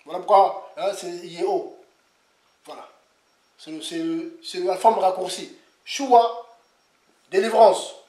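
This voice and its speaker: A man giving an informal, rambling sermon, repeating himself with animated asides. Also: high voice, slow pace, pauses often, reverberant. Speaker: preacher.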